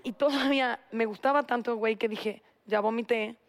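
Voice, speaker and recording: A young woman with a Mexican accent telling a story in an animated, slangy way in a casual chat. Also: on the high side, normal speed. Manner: animated, slangy, acts out quotes. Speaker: guest storyteller.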